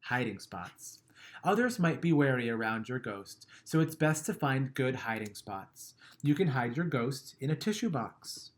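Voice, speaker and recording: In a mid-range voice at a measured pace, a man reads a picture book for children with gentle expression. His lines trail away softly, and he chuckles when things get funny.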